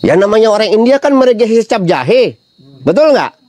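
A middle-aged preacher tells humorous stories in a casual sermon. His voice sits a little high for a man and swings widely up and down as he talks. He keeps tossing rhetorical questions to the crowd. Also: sing-song, normal speed, warm tone. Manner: chatty, humorous storytelling with rhetorical questions to the audience.

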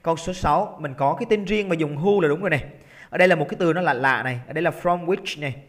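A Vietnamese man teaching an English exam-prep lesson. He is lively and coaxing, drags out words slowly to show the stressed syllable, and keeps checking in with his students. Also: a little high. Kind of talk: exam-prep lesson, explaining test answers. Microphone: computer recording while drawing on screen.

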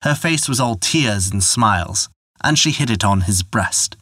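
Guy narrating an old folktale, expressive voice, dead dry mic. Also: fairly low pitch, no room sound. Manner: measured, expressive storytelling. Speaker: storyteller.

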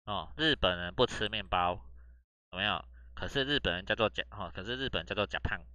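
Taiwanese-accented male Japanese tutor, casual lesson, lowish bright voice, reads Japanese then explains it, full of "oh" and "ha" fillers. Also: brisk, clear, resonant tone, no echo. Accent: Taiwanese Mandarin. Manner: chatty, drops "oh" and "ha" between nearly every phrase. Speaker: Japanese language teacher. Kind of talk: casual online lesson reading through a news text.

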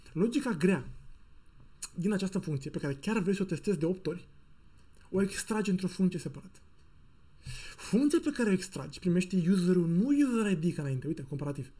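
Man, tech speaker on a video call, mellow husky voice, jokey and animated. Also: high-pitched. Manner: animated and joking, with playful sound effects and slang. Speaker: software conference speaker. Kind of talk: casual technical talk to an online audience.

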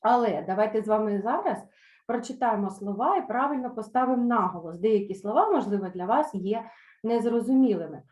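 A woman teacher reading a children's story aloud in an online lesson, then explaining words slowly and carefully with some hesitant fillers. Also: medium pitch, a little mellow, echoey room. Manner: slow, careful pronunciation of words for pupils to repeat.

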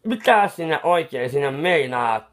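A man with a fairly high, slightly bright voice and lively intonation improvises a comic monologue as a bumbling, befuddled clown painter. Rambling in confused mutters and restarts, he kindly fusses over someone crying, both soothing and scolding them.

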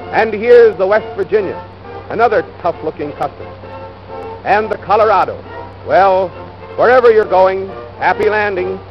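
A man narrating a 1930s newsreel in a brisk, upbeat, folksy announcer manner. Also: a little high. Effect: old newsreel soundtrack. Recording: dull lo-fi 1930s film sound with music. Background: music.

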